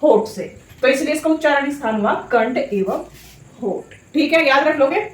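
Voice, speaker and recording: A woman teaching a Hindi lesson, repeating vowel sounds aloud and asking her students quick checking questions. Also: sits high, animated, reverberant. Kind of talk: classroom lesson on vowel articulation.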